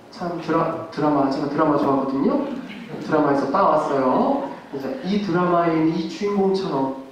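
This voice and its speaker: A man's voice: fairly high pitch, a little mellow, lo-fi sound, a little hiss or hum. A male priest giving an earnest talk to parents, often asking the audience a question and then answering it himself. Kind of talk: parish lecture to parents. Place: parish hall. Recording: echoey hall from far off.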